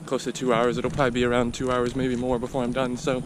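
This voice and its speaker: A man talks casually to a camera for his vlog. His voice sits at an average pitch. The recording is outdoors, with clear ambient noise. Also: completely flat delivery, fast. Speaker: vlogger.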